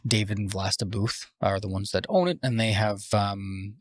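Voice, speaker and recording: A Canadian man who owns a cafe and roasts coffee, talking casually in a podcast interview and pausing often with fillers. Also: fairly low pitch, fairly even intonation, no echo. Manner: hesitant, frequent "um" fillers.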